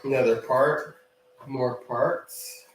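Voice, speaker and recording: A man's voice: medium pitch, fairly even intonation, reverberant, far from the mic, heavy background noise. A man hosting a hobby channel, casually narrating as he sorts parts at his workbench, with the hiccups. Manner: slow, offhand narration while working with his hands. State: has the hiccups.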